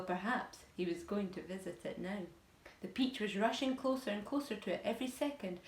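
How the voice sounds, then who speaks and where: In a roomy-sounding recording, a woman with a mid-range voice performs a children's story for pupils like a teacher. Her storytelling is expressive, dramatic, and emphatic.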